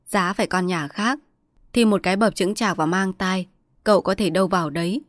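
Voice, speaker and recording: A woman narrating a short story in a measured, even storytelling voice. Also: fairly low pitch, dry recording, studio quality. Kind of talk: scripted story reading.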